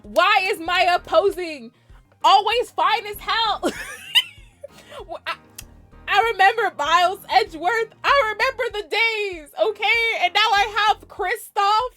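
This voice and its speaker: A young woman streaming a video game, giggly and excitable as she reacts and comments. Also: very high voice, unhurried, faint music behind. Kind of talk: let's play commentary.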